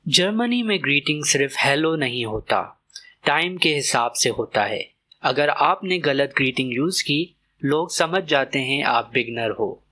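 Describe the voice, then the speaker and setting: A man teaching a beginner language lesson in a scripted style, repeating each word slowly so learners can copy it. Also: medium pitch, sharp tone. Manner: repeats words slowly for pronunciation drills.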